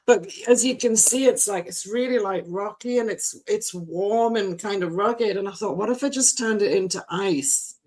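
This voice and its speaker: A woman's voice: medium pitch, normal speed, hardly any pauses, darkish tone. Woman guest artist, rambling, emotional, laughs a lot, casual stream chat.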